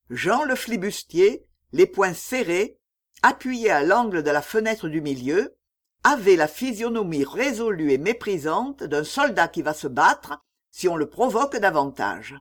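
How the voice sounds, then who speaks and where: An audiobook narrator reading a literary story aloud in an expressive storytelling manner. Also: mid-range voice.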